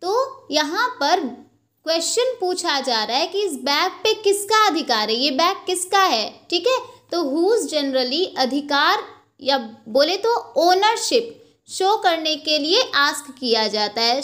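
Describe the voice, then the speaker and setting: A young woman teaching an English grammar lesson from slides, explaining slowly and checking in with "ok" after each point. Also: high voice, big pitch swings, a bit bright. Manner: slow, explanatory, repeats points with "ok" and "theek hai". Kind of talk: slide-based lesson, Hindi with English terms.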